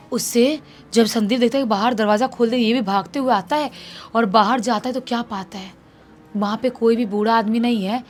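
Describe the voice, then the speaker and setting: A woman casually narrating a spooky story, acting out the characters' lines with a raised, louder voice. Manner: acts out quoted characters with raised pitch and loudness. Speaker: horror storyteller. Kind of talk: casual spoken horror narration.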